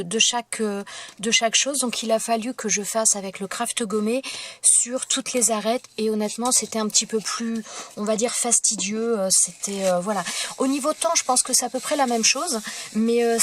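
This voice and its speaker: A woman hosting a crafting tutorial, explaining each step in a casual, unhurried way while she works, often pausing to search for words. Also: a little high, a little hiss or hum. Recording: clicking noises behind.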